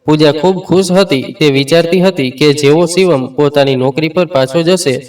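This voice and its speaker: A man's voice: on the high side, normal speed, a little mellow, far from the mic, poor audio. A man narrating a family story in a plain reading voice, stumbling now and then over words and restarting them. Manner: reads all characters' lines in his own voice, with small restarts.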